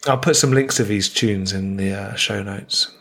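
A man co-hosting a podcast in casual chat, telling jokey stories with animated asides. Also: fairly low pitch, moderate pace, a crowd in the background. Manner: jokey storytelling, animated impressions. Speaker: podcast co-host.

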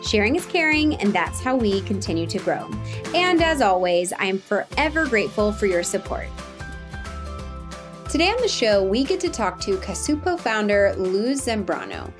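A woman hosting a podcast, bubbly and enthusiastic, gushing as she reads her intro and interviews a guest. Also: mid-range voice. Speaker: podcast host.

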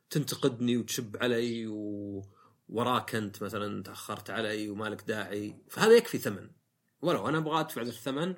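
A man's voice: mid-range voice, a bit bright, slightly rough. A man hosting a casual monologue podcast, reflective and rambling, with frequent fillers and self-corrections. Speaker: podcast host.

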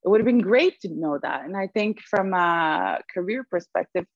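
A young woman raised in Sweden as an interview guest, reflective and quick to laugh. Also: on the low side, lively intonation, dry recording, highs cut off. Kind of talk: conversational interview.

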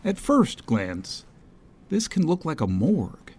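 A man's voice: fairly high pitch, huge pitch swings, slow pace, a little mellow, a little hiss or hum. A man narrating a scripted television news feature as a correspondent.

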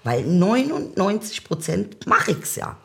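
A man's voice: sits high, very animated, measured pace, gravelly, bright, forceful tone, slightly rough. A man co-hosting a podcast in casual chat, blunt and hesitant with many fillers. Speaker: podcast co-host.

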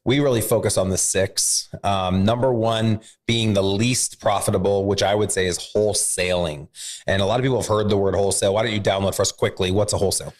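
A man with a somewhat low voice hosts a business interview. He steers the talk with questions and quick prompts. He adds short explanations of his own. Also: fairly even intonation. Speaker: host. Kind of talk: podcast interview.

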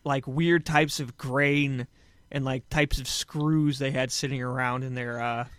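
A man hosting a podcast from a couch, chatting casually with rambling, deadpan jokes. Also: mid-range voice, unhurried, smooth, dry recording. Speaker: podcast host. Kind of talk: casual chat. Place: small room on a couch.

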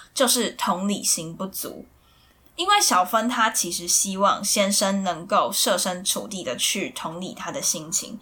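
A woman's voice: medium pitch, sharp tone, husky. A woman, casually summarizing a book in a conversational, explaining way. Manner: conversational, filler-heavy explaining. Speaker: book reviewer.

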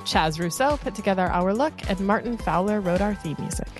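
A woman's voice: medium pitch, lively intonation, a little fast, music in the background. A woman co-hosting a podcast, talking and reading aloud. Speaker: podcast co-host. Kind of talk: podcast conversation and poetry reading.

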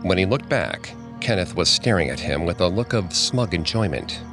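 A man narrating a scripted true-crime story in a steady, grave manner. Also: sits low, normal speed, music in the background. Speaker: podcast narrator.

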